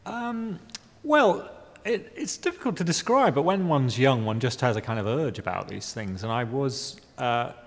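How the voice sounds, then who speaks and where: A man's voice: mid-range voice, lively intonation, normal speed, few pauses. A man in his fifties from Guyana, an artist giving hesitant, wry interview answers with many ums and restarts. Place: art gallery exhibition space. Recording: reverberant room.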